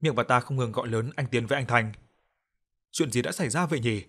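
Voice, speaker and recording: In a medium-pitched, somewhat bright voice, a man tells a first-person story. His reading is somber and measured, with the dialogue acted out.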